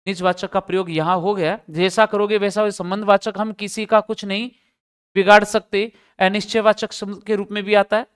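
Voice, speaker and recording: Smooth-voiced teacher solving test questions. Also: medium pitch, level tone, normal speed. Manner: explains step by step, poses questions to students. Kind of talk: live test-solution class.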